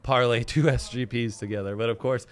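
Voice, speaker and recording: A man co-hosts a sports betting podcast, speaking fairly quickly in a medium-pitched, clean voice. He banters casually, jokey and animated, and laughs often.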